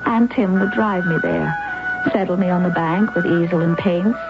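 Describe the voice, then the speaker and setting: Heard through a muffled old radio broadcast with music is an actress in a 1970s drama, narrating as the lead: an anguished young wife in a wheelchair telling her own tale. Her voice is gravelly and on the low side, with fairly even intonation and normal speed. She is intense and pleading, then breaks into despair.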